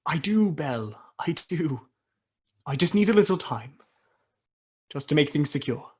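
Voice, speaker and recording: An actor in a radio play voicing Ebenezer Scrooge as an anguished, defensive man who cares for money, with a husky, earnest delivery. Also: medium pitch, animated, a little slow, a little mellow. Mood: anxious, earnest. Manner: earnest, pleading, dramatic.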